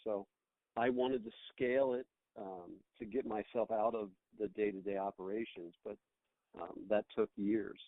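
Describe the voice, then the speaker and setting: This American business owner, middle-aged and interviewed by phone, has a lowish voice with fairly even intonation and normal speed, with no echo. The line sounds tinny and band-limited, and he rambles reflectively, often repeating words while rephrasing.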